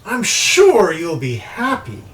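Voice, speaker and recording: A man playing a haughty high-voiced sorceress. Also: huge pitch swings, fairly bright tone, far from the mic, exaggerated voice. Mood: haughty menace. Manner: haughty, drawn-out, teasing threats. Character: imperious shapeshifting sorceress queen, mocking. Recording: mic set back, faint music.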